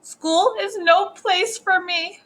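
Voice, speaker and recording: A woman's voice: very high voice, slow pace, fairly bright tone, voice pushed up, exaggerated voice, rough recording. A woman voicing a sensitive little girl mouse who squeals and turns tearful. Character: excited little girl mouse, easily hurt.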